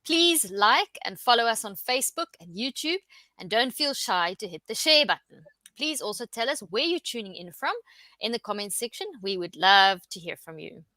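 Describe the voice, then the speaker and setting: A woman's voice: fairly high pitch, sing-song, normal speed, pushed and bright, no echo. A woman co-hosting a charity web show, cheerfully inviting viewers to join in. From South Africa. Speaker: co-host.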